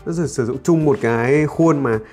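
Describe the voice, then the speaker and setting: A man's voice: mid-range voice, normal speed, darkish tone, soft background music. Chatty man unboxing. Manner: chatty, jokey, talks while handling items. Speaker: tech reviewer host. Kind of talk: casual unboxing chat.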